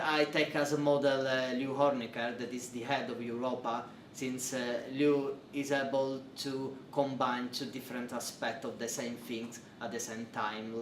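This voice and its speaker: A young Italian PhD researcher with an Italian accent answers interview questions in English, his second language, hesitantly, with many fillers, restarts and non-native phrasing. His voice is medium in pitch, and the roomy recording comes from a distant mic with faint noise.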